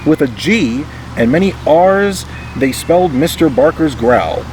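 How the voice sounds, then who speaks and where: Expressive male storybook reader, lively pitch. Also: a little slow, a little hiss or hum. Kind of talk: expressive scripted children's story narration.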